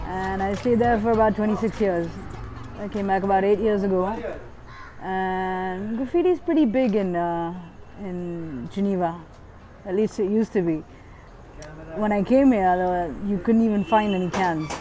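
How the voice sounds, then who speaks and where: A woman's voice: medium pitch, moderate pace, mellow, poor audio. A woman in her thirties who grew up in Switzerland, a graffiti artist speaking reflectively in a documentary interview, thinking aloud with small restarts. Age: 30s. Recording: hip-hop music playing underneath.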